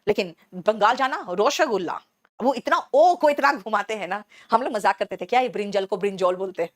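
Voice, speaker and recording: Brisk, motherly woman teaching a live class. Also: mid-range voice, lively intonation, no echo, clean studio sound. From Bihar, India. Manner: brisk and motherly, calls students 'beta' and answers chat questions; explains English words in Hindi, switching between the two. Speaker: English teacher. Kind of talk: live online class lecture.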